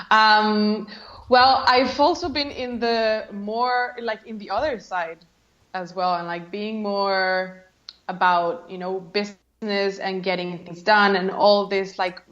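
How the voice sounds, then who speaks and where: A Colombian woman with a Colombian Spanish accent, a creativity coach, tells her story as a guest in a casual interview. Her medium-pitched voice is steady and slow, reflective, full of "like" fillers and soft laughs, and the sound is lo-fi.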